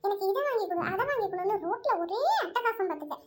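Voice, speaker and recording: A woman's voice: extremely high pitch, fast. A woman playing a chatty, fussing aunt. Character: fussing middle-aged aunt, the mother's sister. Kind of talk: home family drama, one narrator voicing all roles.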